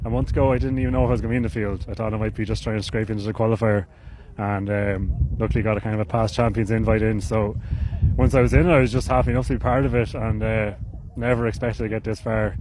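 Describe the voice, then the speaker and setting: A man's voice: lowish voice, fairly even intonation, quick pace. A man, an amateur golfer, talking informally and modestly in a casual post-match interview outdoors on the course. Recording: noisy windy outdoor recording.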